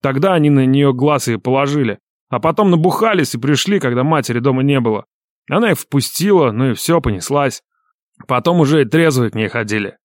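Audiobook tough guy: a man playing a blunt, gruff, weary friend. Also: mid-range voice, lively intonation, fairly quick, no room sound, clean studio sound, pitched above the performer's own voice, lightly acted. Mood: confiding.

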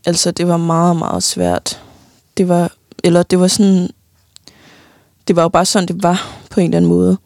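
A young woman giving a halting, personal account of loss in an interview, often pausing and restarting, sometimes tearful. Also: lowish voice, gravelly, a little mellow, no echo. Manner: halting, many fillers and restarts, tearful at times.

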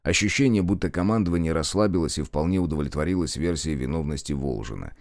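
Deep-voiced man narrating. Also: quick pace, a little mellow, dry recording, clean studio sound. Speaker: audiobook narrator. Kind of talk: scripted narration.

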